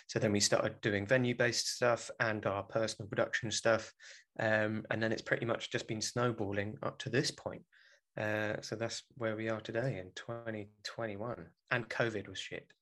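A young man with a South London accent talks in a casual interview. His voice sits a bit low. He is informal and blunt, with a self-deprecating streak. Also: flat delivery, normal speed, fairly bright tone. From South London, England. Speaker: podcast guest, theatre director.

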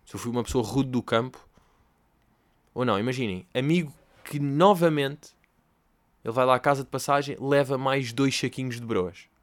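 A man's voice: mid-range voice, moderate pace, pauses often. A young man with a European Portuguese accent, hosting a casual comedic podcast and rambling through stories with slang and swearing. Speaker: podcast host.

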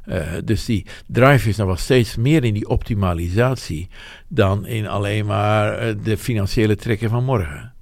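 A man's voice: lowish voice, moderate pace, few pauses, darkish tone, dry recording, studio quality. A man, talking frankly and at length about his business life, rambling and self-deprecating. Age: 70s. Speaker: interviewee, business owner. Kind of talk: reflective interview talk.

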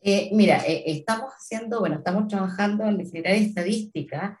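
A woman with a Chilean Spanish accent speaks as a trademark office official in an interview. She explains carefully, pausing on fillers and restarting phrases. Her voice sits a little away from the microphone. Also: mid-range voice, a little mellow, recorded from a distance.

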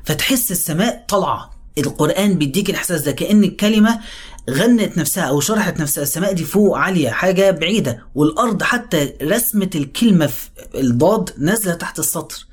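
Fast-talking Egyptian man teaching recitation. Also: high voice, animated, slightly rough. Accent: Egyptian Arabic. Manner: explains quickly, then draws out example words slowly. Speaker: religious teacher. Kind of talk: explanatory talk on Quran recitation.

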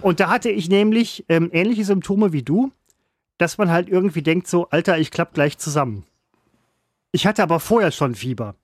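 A man's voice: high-pitched, animated, moderate pace, no echo, studio quality. A man co-hosting a podcast, chatty, rambling and playful. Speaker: podcast co-host. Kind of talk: casual podcast banter.

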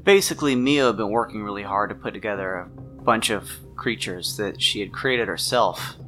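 A man runs a tabletop mystery game as game master, describing scenes in a conversational way while music plays behind him. He speaks at normal speed with a fairly low pitch, and his voice sounds pushed and bright.

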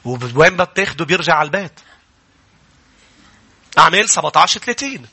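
A man's voice: a little high, a little fast, creaky, breathy edge. A male pastor with a Lebanese Arabic accent, preaching a sermon to his congregation and putting questions to them. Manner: animated preaching, quoting scripture, asking the congregation questions; rises to loud urgent preaching. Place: church before a congregation.

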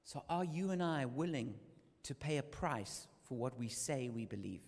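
A man's voice: mid-range voice, animated, unhurried, darkish tone. A man preaching a sermon in English with a live interpreter, telling a story dramatically. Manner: dramatic storytelling, rising and falling with the tale. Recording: reverberant hall sound.

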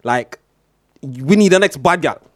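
A man hosting a casual show, teasing his guest and repeating himself excitedly. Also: fairly high pitch, measured pace, dry recording, clean studio sound. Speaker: host. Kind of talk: casual radio-style chat.

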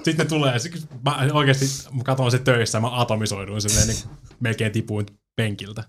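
A man in a casual gaming chat, telling funny stories in an animated way and laughing along. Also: mid-range voice. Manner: animated storyteller, laughing, quoting with put-on shouts. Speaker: podcast co-host.

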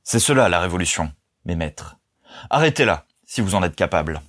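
A man reading aloud and voicing a bold young orator in a novel, speaking with steady force. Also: low voice, moderate pace, heavily acted. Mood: defiant. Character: bold young male orator, calm and commanding.

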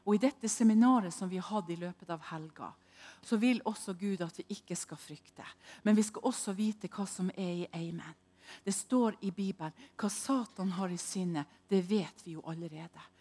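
Dramatic woman preacher. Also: mid-range voice. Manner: dramatic, swings from hushed to loud. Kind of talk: sermon with personal storytelling.

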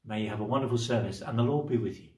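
A man records a solemn, prayerful greeting for a congregation as a bishop. He stands well back from the mic, and his mid-pitched voice rings with a roomy cathedral echo. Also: rapid-fire, a little mellow, distant mic. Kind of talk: recorded blessing message.

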